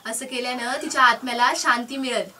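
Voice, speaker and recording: A woman's voice: a little high, fairly even intonation, quick pace, pushed and bright, far from the mic. A woman playing a bitter, grieving mother who reproaches her son, tearful at times.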